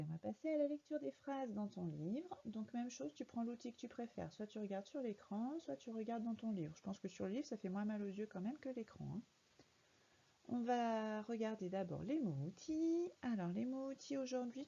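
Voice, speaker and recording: A woman's voice: on the high side, animated, moderate pace, gravelly, dark tone, breathy edge, dull audio. A woman teaching a young child to read in a recorded lesson, patiently spelling words out letter by letter. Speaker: primary school teacher.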